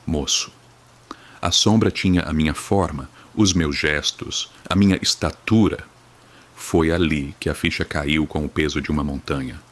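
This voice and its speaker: Very deep-voiced Brazilian man narrating horror. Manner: somber, dramatic, grave. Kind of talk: first-person horror story narration.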